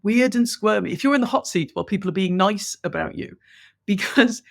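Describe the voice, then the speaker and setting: Brisk and mid-range in voice, an Irish woman with an English accent chats keenly as a guest business coach in a conversational podcast interview, laughing as she explains.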